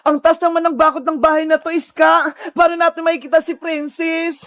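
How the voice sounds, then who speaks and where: A cartoon voice performer calling out and shouting frantically. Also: extremely high pitch, flat delivery, brisk. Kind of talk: cartoon voice acting.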